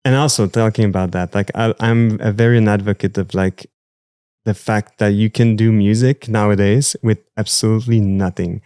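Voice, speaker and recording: Man, quebec french accent, rambling, lots of likes and ums, lowish voice, dry close sound. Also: normal speed, clear, resonant tone, no echo. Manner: rambling, many fillers, animated. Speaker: musician guest. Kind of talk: casual interview chat.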